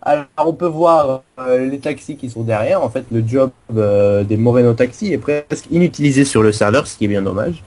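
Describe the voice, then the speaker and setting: A man talks through a game server in casual commentary, his pitch sitting right in the middle of the male range. He rambles and pokes fun at himself as he explains. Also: fairly quick, hardly any pauses, darkish tone. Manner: rambling, self-mocking explanations. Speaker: co-host giving a game server tour.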